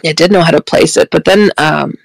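A woman guest telling paranormal stories in an animated way, acting out the dialogue she quotes. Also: deep voice, brisk, gravelly, no echo, rough recording. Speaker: paranormal researcher and author, guest. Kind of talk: candid storytelling interview.

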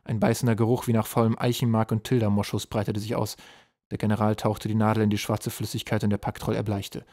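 A man narrating an audiobook in a calm, even storytelling voice. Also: lowish voice, quick pace. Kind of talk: scripted narration.

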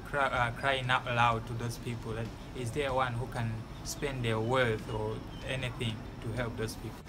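In a casual outdoor interview by a building wall, a young man from Malawi who is graduating answers questions earnestly, giving advice and restarting often. His medium-pitched voice has little pitch movement and a moderate pace, with background noise present.

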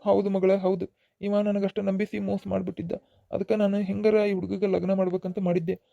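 Cartoon dad, voiced by a man: high, dark, North Karnataka accent, fussy and emotional. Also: flat delivery, fairly quick, gravelly, no echo, lo-fi sound. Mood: remorseful. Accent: North Karnataka Kannada. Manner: scolding, emotional, repeats himself. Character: aging father of a grown daughter, stern then remorseful. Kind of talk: cartoon voice acting.

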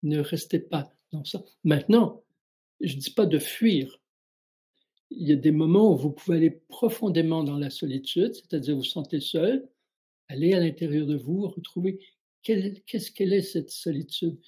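Mellow, husky-voiced male spiritual guide. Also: a little high, normal speed. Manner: calm, reflective, addresses listeners directly. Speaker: spiritual guide answering viewer questions. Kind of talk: live spiritual guidance show.

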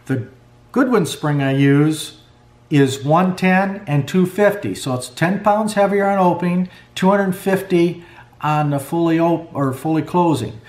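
Standing at his garage workbench, a middle-aged man who repairs snowmobile clutches explains a rebuild in a hands-on tutorial, talking plainly and filling gaps with lots of fillers. His voice is fairly high with a darkish tone and an unhurried pace, and the workshop sound echoes.

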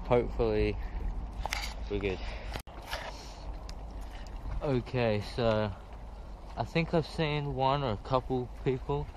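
A teenage Australian vlogger chats casually into an action camera worn on his hand or head as he explores a windy waterfront. His mid-range voice moves slowly with fairly even intonation, broken by frequent pauses, hesitant asides and little laughs. Wind noise and music run underneath.

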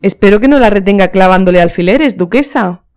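Woman narrator doing a charming young gentleman, light easy delivery, dark mellow tone, audiobook. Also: mid-range voice, animated, brisk, smooth, natural voice. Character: charming young male aristocrat.

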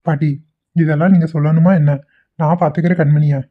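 A woman's voice: deep voice, little pitch movement, brisk, narrow, tinny audio. A woman voicing an easygoing young husband in a cartoon, soothing and coaxing. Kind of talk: Tamil cartoon voice acting.

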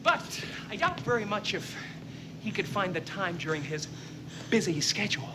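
A man's voice: high voice, big pitch swings, normal speed, background noise. A man playing a flamboyant, wisecracking film detective, smug and theatrical, with an exaggerated mocking delivery. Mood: mocking, accusing. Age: 30s. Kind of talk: theatrical comedic film acting. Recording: film soundtrack with music underneath.

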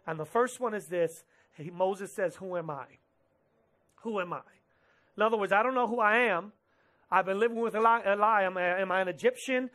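A man in his thirties preaching on a church stage, speaking through a headset mic. His voice sits very high and sounds bright and forceful. He preaches with animated gestures and quick quoted asides. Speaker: pastor. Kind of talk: sermon. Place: church stage with drum kit behind, indoors.

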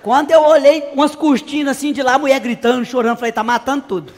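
A man's voice: extremely high pitch, fairly even intonation, quick pace, in a large hall. A male comedian on a live stage playing a brash, dramatic middle-aged woman, telling a story in a gossipy way with shrieks. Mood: gossiping. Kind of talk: live stand-up character monologue.

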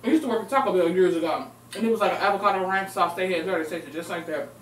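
A woman's voice: on the low side, rapid-fire. A young woman chatting expressively as she eats on camera in her home recording room, mixing talk with murmured eating sounds. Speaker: mukbang vlogger. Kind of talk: casual eating vlog chat. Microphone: camera mic at a distance. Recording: echoey room, heard from far off.

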